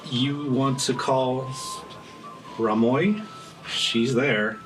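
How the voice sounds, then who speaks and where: A man working as game master, improvising tabletop narration in casual, halting phrases. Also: medium pitch, steady tone, music in the background. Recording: noisy room, ambient sound.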